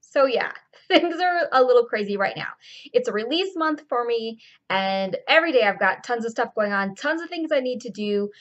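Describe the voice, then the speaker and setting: In a slightly high, expressive voice at a moderate pace, a woman in her thirties hosts a chatty, casual how-to video, with the highs cut off in the sound. A self-publishing author and video host, she records in a small furnished room at home on her camera's built-in microphone, without an external mic.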